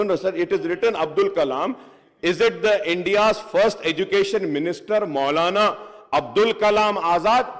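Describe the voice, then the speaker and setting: A man giving an argumentative speech as a legislator on the assembly floor, moving between English and Hindustani. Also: sits high. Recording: echoey assembly hall.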